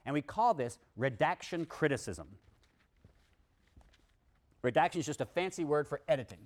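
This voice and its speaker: Animated man giving a university lecture. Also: a little high, normal speed. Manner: animated, reads scripture aloud with emphasis, wry asides.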